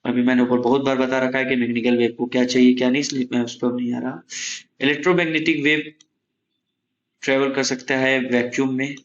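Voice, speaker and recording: A man's voice: medium pitch, little pitch movement, a little fast, muffled recording, slight background noise. Chatty man teaching exam prep. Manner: chatty, repeats "ठीक है?" to check in. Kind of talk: casual Hindi-English lecture. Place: room at home, AC running.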